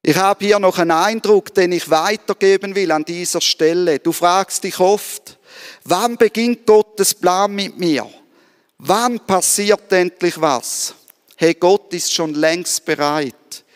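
Earnest high-voiced male preacher, reverberant hall. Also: slow, clear, resonant tone. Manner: earnest, asks the listener direct questions. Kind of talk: sermon. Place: church service.

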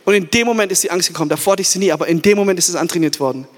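A man's voice: high-pitched, racing. Man, youth pastor, fervent sermon, asks the crowd for amens, English words mixed in, church hall echo.

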